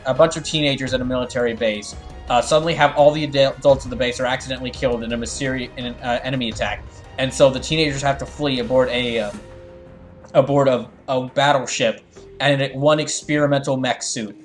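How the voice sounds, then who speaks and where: Faint music sits behind this fast-talking man, whose mid-range voice holds a steady tone. Hosting a live fandub stream, he rambles through explanations, frequently restarting sentences, while chatting with viewers and reading lines from the game.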